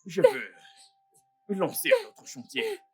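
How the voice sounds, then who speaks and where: A man's voice: high voice, huge pitch swings, slow pace, a bit bright, breathy edge, soft background music, heavily acted. An actor playing a greedy man who plots a boy's death, boastful and gloating in a dubbed film. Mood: scheming. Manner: gloating, boastful, laughs at his own schemes.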